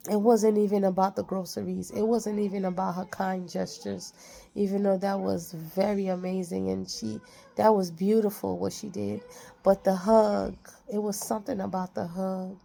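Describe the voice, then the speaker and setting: Woman vlogging life advice, real gravelly voice, keeps repeating herself to drive it home. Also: mid-range voice, flat delivery, normal speed, dark tone. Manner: repeats phrases for emphasis, preachy and heartfelt. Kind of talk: casual motivational talk.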